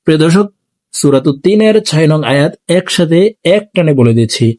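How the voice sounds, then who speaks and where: High-voiced man teaching Quran recitation. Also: animated, a little mellow. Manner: explains rules quickly, then recites verses slowly and drawn out; has viewers repeat after him.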